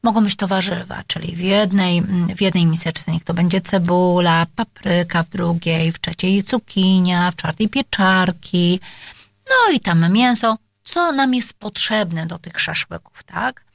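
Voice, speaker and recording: Hesitant woman with a gravelly low voice. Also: measured pace, no room sound, clean studio sound. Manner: hesitant, many filler sounds, addresses listeners politely. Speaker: speech therapist. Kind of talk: explaining exercises to parents.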